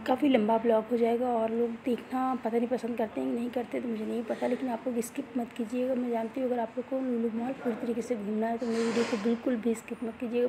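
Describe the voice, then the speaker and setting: A vlogger in her thirties does a casual voice-over with a fairly high but very soft, mellow voice and quite flat melody. Chatty and repetitive, she talks straight to viewers and keeps returning to the same point, on a low-quality recording with slight background noise.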